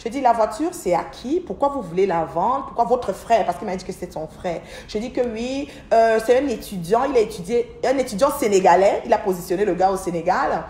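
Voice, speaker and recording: A middle-aged woman tells a long, rambling story to her livestream viewers, often restarting and repeating words. Her voice has a middle pitch for a woman. The recording is echoey, as in a bare room at home. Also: lively intonation, brisk, hardly any pauses, darkish tone, slight background noise. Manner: chatty, speaks straight to her viewers. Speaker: livestream host. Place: at home, by an aquarium. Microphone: livestream device mic.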